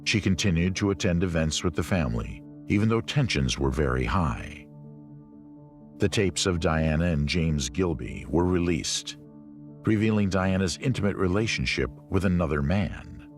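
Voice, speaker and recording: Deep-voiced male documentary narrator. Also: animated, normal speed, faint music behind. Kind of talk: scripted narration.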